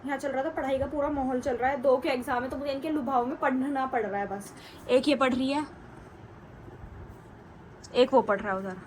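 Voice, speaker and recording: A young woman chatting casually to camera in a family vlog at home, telling stories in an animated way. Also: high voice, a little fast, pauses often, a little hiss or hum, low-quality recording. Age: young adult. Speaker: family vlogger.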